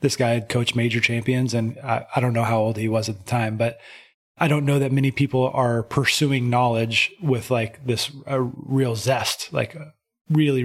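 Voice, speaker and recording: A man co-hosting a podcast and coaching, speaking thoughtfully in casual chat with frequent "like" fillers. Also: medium pitch.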